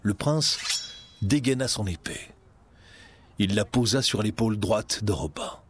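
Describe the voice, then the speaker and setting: A man narrating a children's storybook in a dramatic, expressive reading. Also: on the low side, a little slow, slightly rough.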